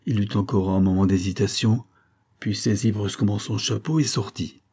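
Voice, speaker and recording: A man narrating a classic novel aloud in a measured storytelling manner. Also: fairly low pitch, steady tone, dark tone, slightly rough. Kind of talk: reading a serialized novel aloud.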